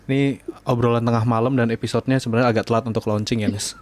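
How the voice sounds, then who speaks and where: A man's voice: mid-range voice, fairly even intonation, rapid-fire, a little mellow. A man in his twenties hosting a podcast, chatting casually late at night in a laid-back, slangy way. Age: 20s. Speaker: podcast host.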